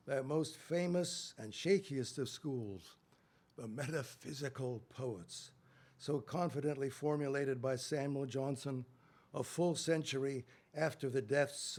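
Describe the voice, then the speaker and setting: An older man giving a solemn, deliberate reading at a memorial event, with measured phrasing. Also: medium pitch, a little mellow. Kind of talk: solemn reading of a poem aloud.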